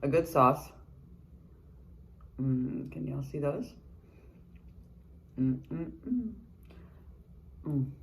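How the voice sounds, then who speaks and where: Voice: medium pitch, expressive, drawn-out words, vocal fry, long pauses, fairly bright tone, slight background noise, rough recording. A mukbang vlogger in a casual eating video, chatting between bites with lots of chewing murmurs and candid, sweary remarks.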